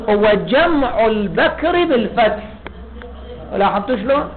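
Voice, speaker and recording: A man with an Iraqi Arabic accent giving a seminary lecture on a legal text, putting questions to the class, answering them himself, and stretching out key words. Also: high-pitched. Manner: drawn-out stress on key words. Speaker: religious law teacher. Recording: tinny phone-like lecture recording.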